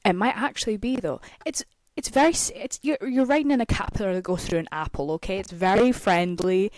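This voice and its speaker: A young woman casually telling a story on a podcast, animated and swearing freely, often checking in with "okay?". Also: medium pitch, fairly quick, slight background noise. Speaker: podcast host.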